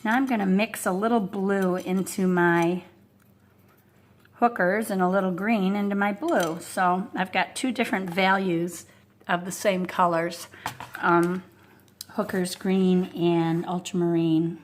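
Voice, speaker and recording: A woman's voice: fairly low pitch, fairly even intonation, a little slow. A woman giving a casual watercolor painting tutorial at home, talking close to the mic and thinking aloud with lots of fillers. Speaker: art instructor. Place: home studio with a wood stove. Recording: faint blower hum behind.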